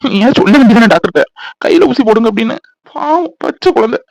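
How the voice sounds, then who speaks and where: A man's voice: very high-pitched, animated, quick pace, gravelly, a little mellow, no echo, exaggerated voice. A man voicing a tearful, fretful young father. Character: soft-hearted young father who cries easily. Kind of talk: cartoon voice acting.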